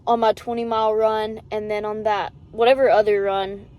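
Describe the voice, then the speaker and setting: A woman's voice: medium pitch, little pitch movement, normal speed, darkish tone, muffled recording. A woman chatting casually and candidly to the camera in a rambling, informal running vlog. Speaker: running vlogger.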